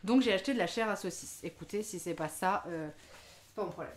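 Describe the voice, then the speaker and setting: A woman's voice: medium pitch, a little fast, slight background noise. A young woman streaming live while she cooks, chatting casually, joking at her own expense and laughing often. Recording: roomy kitchen with faint clatter.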